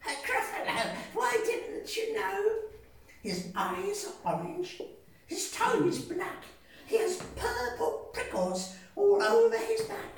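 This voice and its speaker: A tiny, quick-witted storybook mouse squeaks high and bouncy, as a woman reading aloud puts it on. The voice swoops up and down and rings through an echoey room, far from the mic. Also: wildly swooping pitch, exaggerated voice. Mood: cheeky. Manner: squeaky, bright, giggly. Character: small clever mouse, cheeky and boastful.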